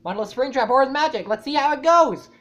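A woman YouTuber giving casual reaction commentary, rambling and swearing often, with loud startled outbursts. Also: sits high, expressive, quick pace. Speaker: YouTuber reacting to a fan animation.

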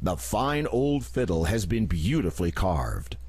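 A man's voice: sits low, very animated, a little slow, darkish tone, a little hiss or hum, full character voice. A man narrating a computer game in a dry, wry storytelling manner. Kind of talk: scripted narration.

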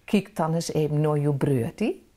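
A woman with a Drents accent voicing a kind, amused gnome mother who speaks in a warm, motherly way. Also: sits low, measured pace, pitched below the performer's own voice.

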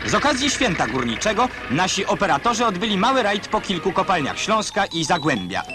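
Give me a man narrating an old newsreel in a brisk, proud announcer's voice. His voice is high and swings lively up and down, with music clearly audible behind him. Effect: old newsreel voice-over.

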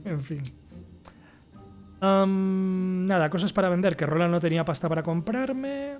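A man's voice: high-pitched, unhurried, darkish tone, faint music behind. A man with a Castilian Spanish accent reading game text aloud and commenting casually, with wry asides. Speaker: gamer playing and commenting.

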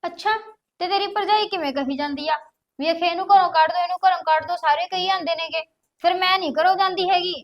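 A woman's voice: very high-pitched, steady tone, quick pace, highs cut off. An actress playing a defiant young woman in a Punjabi village drama, taunting and threatening to expose her secret husband. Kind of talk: rural village drama acting.

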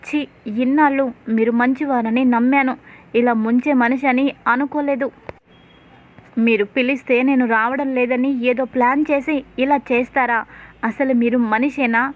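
Woman reading a crying, furious young wife; high voice, tinny phone-like sound. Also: steady tone, moderate pace, natural voice. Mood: tearful anger. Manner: crying, accusing.

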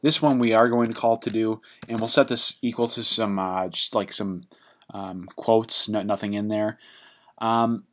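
Man, fairly low voice, coding tutorial, casual, halting, lots of fillers. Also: fairly even intonation, a bit bright. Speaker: programming instructor. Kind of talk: screen-recorded coding tutorial.

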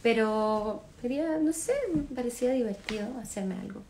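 Relaxed woman in her thirties, dark mellow tone, loose chatty delivery on a home phone livestream. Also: on the high side, normal speed, a little hiss or hum. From Chile. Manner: relaxed, chatty, laughs often, trails off with fillers. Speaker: singer answering fans on a livestream. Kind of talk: casual chat reading comments. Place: living room indoors. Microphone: phone camera at arm's length.

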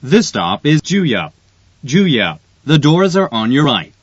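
A man with a husky voice reading formal, measured train station announcements in short set phrases. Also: medium pitch, big pitch swings, no echo. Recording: dull, lo-fi recorded train announcement.

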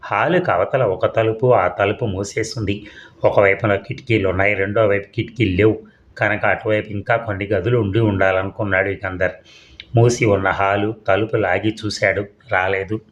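A man narrating a suspense audio story in a steady, measured reading with occasional slips. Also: fairly low pitch, muffled recording.

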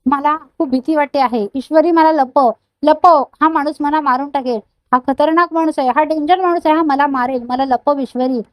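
A woman's voice: high voice, moderate pace, dry recording, close to an everyday voice. A woman voicing a frightened young wife who pleads in panic. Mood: terrified.

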